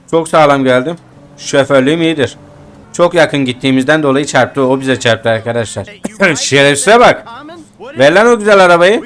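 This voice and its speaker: A young man hosting a gaming channel, giving excitable, foul-mouthed let's-play commentary and talking straight to his viewers. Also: a little high. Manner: excitable, swears freely, talks to viewers.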